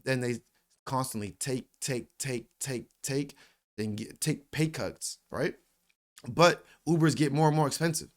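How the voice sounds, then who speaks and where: Man, late twenties, middle pitch, casual slangy storytelling, profane, animated, lots of fillers. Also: a little slow. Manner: animated retelling with voiced quotes. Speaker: vlogger.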